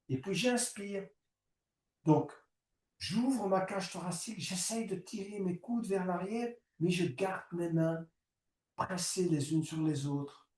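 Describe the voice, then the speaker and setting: A man guiding a yoga class, giving slow, calm step-by-step cues and breathing prompts. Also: high-pitched, echoey room, recorded from a distance. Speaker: yoga teacher. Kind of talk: guided yoga class instruction.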